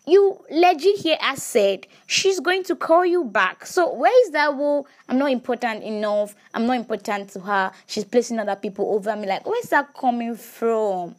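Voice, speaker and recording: A woman's voice: on the high side, animated, moderate pace, hardly any pauses. A woman giving a casual faith talk to her viewers, emphatic, repeating words and asking rhetorical questions.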